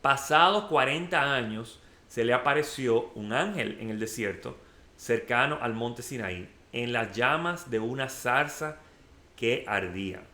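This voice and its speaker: A man's voice: mid-range voice, unhurried, pushed and bright. Guy teaching bible verse by verse, reads then explains, says ok a lot, roomy echo. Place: church room.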